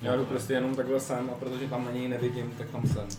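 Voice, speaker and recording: A man playing a tabletop game, speaking haltingly and searching for words as he describes his moves. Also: medium pitch, completely flat delivery, far from the mic. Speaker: player. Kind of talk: casual tabletop play. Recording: echoey room, loud music.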